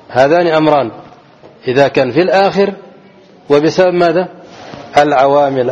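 A man's voice: high voice, a little mellow. A man teaching an Arabic grammar lesson who keeps asking his students questions, answers them himself and repeats the key words. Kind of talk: classroom grammar lesson with call-and-response questions. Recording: dull lo-fi recording.

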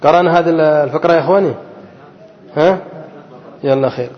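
A man teaching a grammar lesson, repeating rules and putting questions to his students. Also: quick pace. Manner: repeats and drills, asking students to fill in answers. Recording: roomy hall, dull low-fi sound.

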